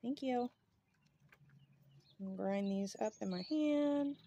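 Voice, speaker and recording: Mellow and high-leaning, her voice takes things slowly, and the sound is lo-fi. She's a homestead vlogger in her thirties, chatting informally through a how-to outdoors on her porch with a handheld phone.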